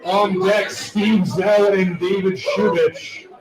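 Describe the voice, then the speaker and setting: High-voiced man announcing in an echoey ballroom. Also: level tone. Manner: brisk, calls names and results. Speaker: tournament announcer. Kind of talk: event announcing over a PA. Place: large ballroom. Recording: echoey ballroom from far off, loud crowd.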